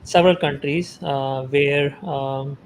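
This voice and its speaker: Halting man from Pakistan, faint hiss. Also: on the high side, steady tone, low-quality recording. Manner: halting, many fillers and restarts. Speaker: podcast guest. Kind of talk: casual podcast interview.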